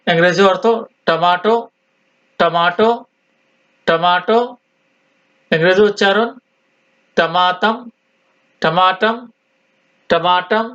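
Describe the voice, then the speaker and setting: A man with a high voice teaches vocabulary at a very slow pace. He says each word again and again, with long pauses between repeats. The recording sounds dull and muffled. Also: sharp tone, clear, resonant tone. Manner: repeats each word several times, deliberate. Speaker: language teacher.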